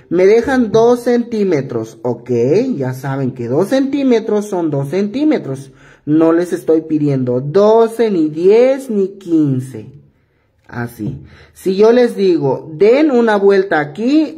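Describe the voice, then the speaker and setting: Slow, husky-voiced man with a cough. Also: on the high side, sing-song, warm tone. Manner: patient, repetitive step-by-step instructing. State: hoarse from a cough. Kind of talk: hands-on craft tutorial.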